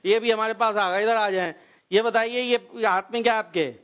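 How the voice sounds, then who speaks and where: Brisk man hosting a children's quiz. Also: high voice, steady tone, fairly bright tone. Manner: brisk, coaxing, cheering right answers. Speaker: host of a children's program.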